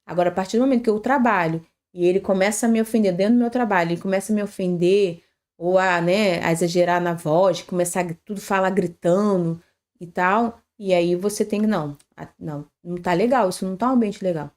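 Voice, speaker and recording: A woman's voice: lowish voice, quick pace, a little mellow. A woman answering a question on a live stream with earnest, practical advice, dotting her sentences with "tá?" and "né?" and correcting herself as she goes. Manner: earnest and advisory, with frequent "tá?" and "né?" tags and self-corrections. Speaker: panelist on a live workplace-safety broadcast.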